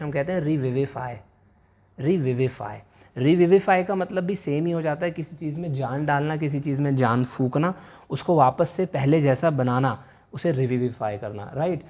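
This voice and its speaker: A man's voice: fairly high pitch, normal speed, darkish tone. A man teaching a vocabulary lesson to viewers. He mixes Hindi and English, restates each meaning several times and often checks in with "right?". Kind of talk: explanatory video lesson.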